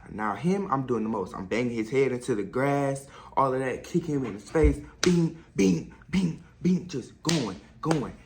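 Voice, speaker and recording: A man's voice: medium pitch, animated, moderate pace, few pauses, a little hiss or hum. A teenage boy vlogging a storytime monologue, casual and slangy, acting out punches with sound effects. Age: teens. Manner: slangy, casual street speech.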